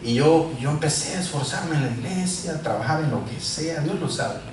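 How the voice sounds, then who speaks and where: Pastor preaching in a big echoey church, kinda high voice, mic far away, faint hiss. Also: male voice, moderate pace. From Mexico. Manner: animated, swings from shouting to quiet asides. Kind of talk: sermon with personal testimony. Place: large echoey church hall.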